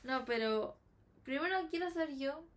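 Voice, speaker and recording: A woman's voice: sits high, animated, normal speed. A young woman hosting a family podcast, chatting casually and musing in a hesitant way. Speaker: podcast host, grandchild. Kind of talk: casual chat.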